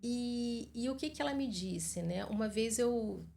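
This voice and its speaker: A woman with a Brazilian accent, a psychologist answering interview questions and acting out quoted dialogue with lively vocal shifts. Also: fairly high pitch, unhurried, gravelly. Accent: Brazilian Portuguese. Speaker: guest psychologist.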